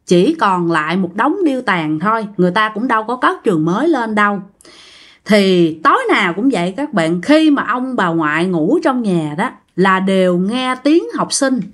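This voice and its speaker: A woman narrating ghost stories in an expressive way, speaking directly to her listeners. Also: mid-range voice. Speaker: storyteller.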